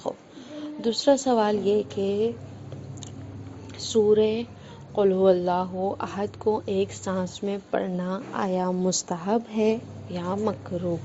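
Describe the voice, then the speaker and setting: A woman teaching an online religious lesson in a clear explanatory way, often asking a question and then answering it herself. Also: medium pitch, steady tone, pauses often, dark tone. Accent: Indian Urdu. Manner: explanatory, asks and answers her own questions. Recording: dull lo-fi with faint noise.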